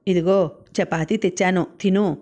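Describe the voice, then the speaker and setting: A woman's voice: fairly low pitch, fairly even intonation, moderate pace, dark tone, lightly acted. A woman reading the part of a kindly older mother-in-law coaxing her daughter-in-law to eat. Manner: coaxing, affectionate.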